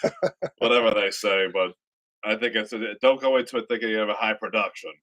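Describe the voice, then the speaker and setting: A man's voice: on the low side, fairly even intonation, brisk, fairly bright tone. A man co-hosting a casual live show, giving short, easygoing replies. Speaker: co-host, video maker. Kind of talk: casual live-stream chat.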